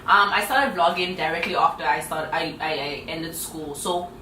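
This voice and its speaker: A young woman with a South African accent, chatting casually as a podcast guest, lively and quick to laugh. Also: low-pitched. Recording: roomy, distant mic, noisy background.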